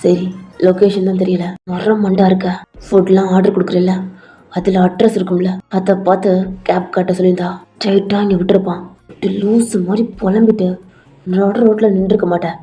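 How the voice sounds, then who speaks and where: Brief: a woman playing a steady young man, voice dropped low, chiding, warm dark tone, faint music bed. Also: fairly quick, close to an everyday voice. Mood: scolding. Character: young man, [name] member, calm, scolding friend.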